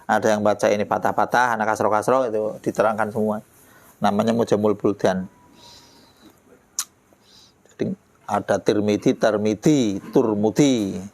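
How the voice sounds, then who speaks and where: Chatty kiai with a lilt. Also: male voice, fairly low pitch, steady tone, normal speed, gravelly, pauses often, a little mellow. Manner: chatty, jokey, laughs often, quotes Arabic verses. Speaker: kiai teaching a kitab study. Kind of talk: relaxed religious lesson.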